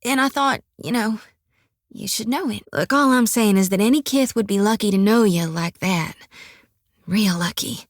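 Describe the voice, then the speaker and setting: For a video game, an actress voices an earnest, devout young woman priest raised on a farm, folksy and stubborn, who sounds flustered here. Her medium-pitched, natural voice moves at a moderate pace. It's a dry, studio-quality recording with no room sound.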